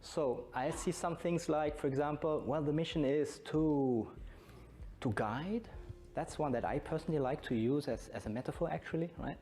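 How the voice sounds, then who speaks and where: With a warm, slightly high voice at a moderate pace, a middle-aged man with a German accent chats through an informal conference talk and draws in the audience with questions. He is a Scrum trainer and speaker, born in Belgium, educated in Germany, and long based in Brazil.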